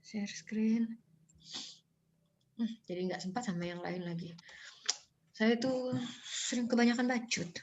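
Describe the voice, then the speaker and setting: A woman's voice: fairly high pitch, unhurried, long pauses, a little mellow, lo-fi sound, a little hiss or hum. A woman lecturing on English phonology in a casual online class, chatty and joking with students, mixing in English terms.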